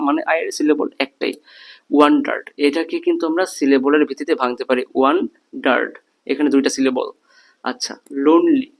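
A man's voice: on the high side, rough recording. A young man teaching an English lesson, patiently repeating words and breaking them into syllables. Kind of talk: explanatory lesson.

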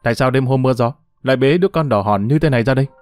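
A man's voice: mid-range voice, rapid-fire, a little mellow, dry recording, soft background music, lightly acted. A man voicing a firm but kind male police officer who questions a stranger. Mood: stern, concerned.

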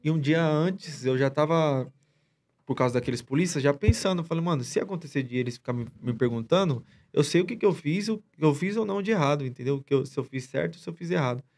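A man's voice: a little high, quick pace, a little mellow. A man as a podcast guest, retelling a story in a rambling, slangy way with many restarts. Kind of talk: casual storytelling chat.

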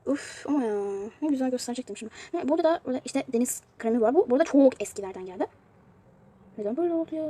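High-pitched woman rattling through a game video, kinda breathy, gets fed up a lot. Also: animated, rapid-fire, dark tone. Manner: chatty, exasperated exclamations. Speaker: youtuber showing a mobile game. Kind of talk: casual gameplay commentary.

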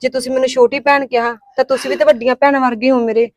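A young woman plays a kind, devout daughter-in-law who stands her ground with quick, earnest talk. Her voice is high and rapid. The sound is close and dry. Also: level tone, no echo, close to an everyday voice. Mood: soothing. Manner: quick, earnest, talks back when pushed. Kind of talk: amateur short-film acting.

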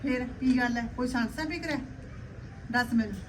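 A woman's voice: on the high side, normal speed, far from the mic, noisy background, lightly acted. An actress playing a caring Punjabi mother-in-law, talking firmly and soothingly to her daughter-in-law.

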